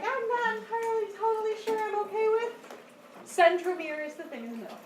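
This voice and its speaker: A woman's voice: high-pitched, a bit bright. A woman teacher explaining a lesson to a class, often checking that they follow. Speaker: high school biology teacher. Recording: echoey classroom, distant mic, background noise.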